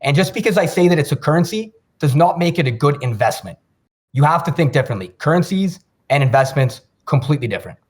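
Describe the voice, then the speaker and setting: A man co-hosting a finance podcast, explaining markets in a measured, lecturing way. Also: fairly high pitch, expressive. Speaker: podcast co-host. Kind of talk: casual chat.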